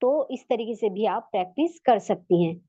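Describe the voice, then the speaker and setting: A woman's voice: fairly high pitch, expressive, normal speed, warm tone, breathy edge, no echo. A woman teaching Quran recitation in Urdu-accented speech, going step by step and patiently repeating the sounds for practice. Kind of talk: slow step-by-step lesson. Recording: dull, dry lo-fi audio.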